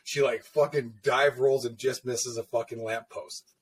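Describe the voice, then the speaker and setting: A man co-hosting a casual podcast chat, telling stories in an animated way, swearing freely and laughing often. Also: medium pitch, a little slow, a little hiss or hum. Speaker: podcast co-host, tattoo artist.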